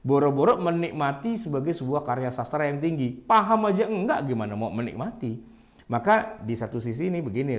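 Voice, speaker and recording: Male Islamic teacher, animated pitch, jokey and colloquial, video-call audio. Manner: jokey, laughing often, colloquial. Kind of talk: casual online lecture.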